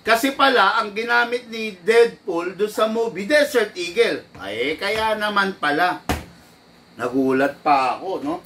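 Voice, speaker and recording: A man casually hosting a live stream from an airsoft shop, chatty and quick to laugh as he greets viewers. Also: high voice, lively intonation, sharp tone. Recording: distant mic, faint background noise.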